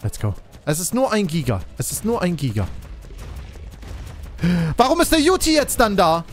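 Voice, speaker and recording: A man with a high, very lively voice narrates his gameplay in an excitable, exclamatory rush, often coaxing and shouting at his animals. His pitch jumps all over the place. Faint game music plays behind him. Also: moderate pace. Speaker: let's play host.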